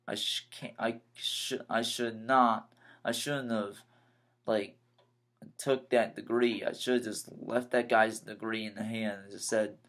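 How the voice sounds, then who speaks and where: A nineteen-year-old man talking in a rambling personal vlog, halting and repeating himself as he vents his frustrations. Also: medium pitch, creaky, a bit bright. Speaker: vlogger.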